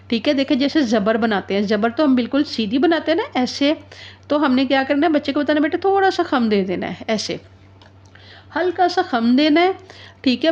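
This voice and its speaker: A woman's voice: on the high side, a little mellow. A woman with a sore throat, patiently teaching handwriting, asking questions and answering them herself. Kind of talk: handwriting lesson. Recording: dull lo-fi sound.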